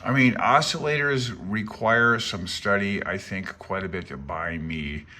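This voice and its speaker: A man reads from a handbook in a loose, informal way, pausing to comment as he thinks aloud, unsure and poking fun at himself. His voice is fairly low, pushed and bright, and a little slow. He presents as an amateur radio hobbyist.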